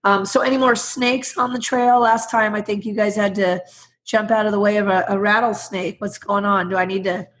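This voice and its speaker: A woman co-hosting a casual podcast in a chummy, slangy way, with a hoarse smoker's rasp and a congested sound from a sinus bug. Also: mid-range voice, fairly even intonation, normal speed, fairly bright tone. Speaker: podcast co-host.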